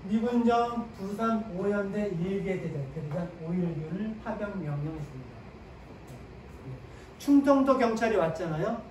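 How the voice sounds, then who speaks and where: High-voiced man lecturing in an echoey room. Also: a little mellow. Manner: asks the class questions and answers them himself; sprinkles short "네" affirmations while explaining. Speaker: history lecturer. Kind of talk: classroom history lecture. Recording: echoey room, mic at a distance, faint ambient noise.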